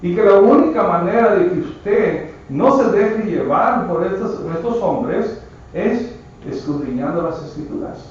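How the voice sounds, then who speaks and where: A man's voice: sits high, lively intonation, a little slow, a little mellow, slight background noise. A man preaching a sermon with emphatic delivery, often addressing listeners as brother. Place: church. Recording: echoey church from far off, muffled.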